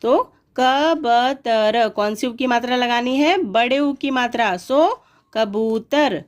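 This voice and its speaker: A woman's voice: fairly high pitch, dull audio. Patient woman teaching small children. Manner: patient, slow, sounds words out syllable by syllable. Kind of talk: worksheet lesson for young children.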